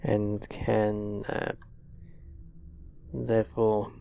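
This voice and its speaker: A man's voice: fairly low pitch, very slow, gravelly, clean tone, dull audio. A young man casually commenting on his game as he plays, thinking aloud. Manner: relaxed, thinking aloud with fillers. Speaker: gameplay commentator.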